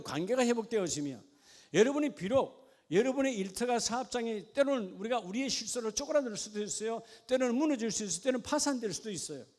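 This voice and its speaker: A man preaching a sermon, asking the congregation questions in a folksy way and at times dropping to a quiet, chatty aside. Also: high voice. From Gyeongsang region of Korea. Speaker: pastor.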